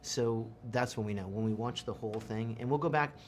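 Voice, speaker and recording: A man's voice: fairly low pitch, brisk, slight background noise. A man being interviewed as an action film director, giving casual, rambling, enthusiastic explanations full of analogies. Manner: animated rambling explanations with self-quotes and analogies.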